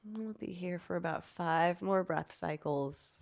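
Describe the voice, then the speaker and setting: Woman leading a slow breath prayer, lower-pitched. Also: gravelly. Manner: slow, gentle breath prayer cueing with long pauses. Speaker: yoga instructor.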